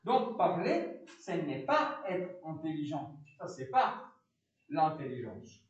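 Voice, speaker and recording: High-voiced guy w an accent teaching philosophy, slow + animated, echoey classroom from far off. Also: highs cut off. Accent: foreign accent in French. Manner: animated, questions students constantly, repeats words. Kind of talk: classroom lecture.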